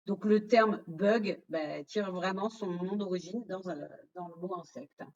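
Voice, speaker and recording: French woman hosting a lively webinar quiz. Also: lowish voice, measured pace, highs cut off. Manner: lively, addresses the audience directly, asks and answers quiz questions. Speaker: webinar presenter running a quiz. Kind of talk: interactive online quiz presentation.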